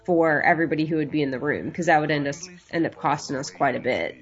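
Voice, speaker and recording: A woman with a deep voice talks fast, her nasal, congested sound betraying a cold. She's a podcast co-host in a casual chat, laughing often, on dull lo-fi audio with faint music in the background.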